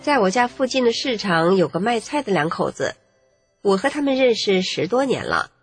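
A woman narrating her own life story in an earnest, measured way. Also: medium pitch, sing-song, husky. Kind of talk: first-person testimony narration. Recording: long reverb with faint music.

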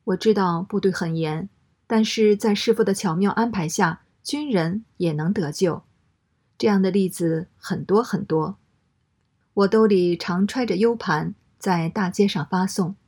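A woman reading a first-person story aloud in a steady, matter-of-fact way. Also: medium pitch, measured pace, slightly rough.

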